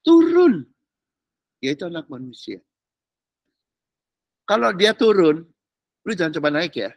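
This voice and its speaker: Lively preacher man, high voice. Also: unhurried, gravelly, no room sound, highs cut off. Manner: animated, teasing, slangy Jakarta street talk. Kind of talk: sermon.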